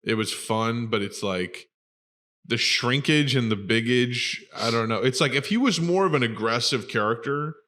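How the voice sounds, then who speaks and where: A man's voice: medium pitch, normal speed. A man around thirty chatting casually on a podcast, swearing freely and acting out movie characters. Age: 30s. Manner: profane, animated, acts out movie characters. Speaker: podcast host. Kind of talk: casual chat.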